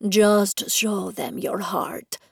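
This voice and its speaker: A woman voicing a large, protective male dragon who speaks slowly and steadily in a reassuring tone. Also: mid-range voice, steady tone, a little mellow, husky, no room sound, studio quality.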